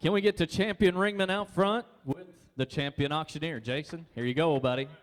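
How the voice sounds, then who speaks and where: A man's voice: fairly high pitch, fairly even intonation, a little fast. A man emceeing an auction contest, announcing the winner. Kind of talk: announcing at a live event.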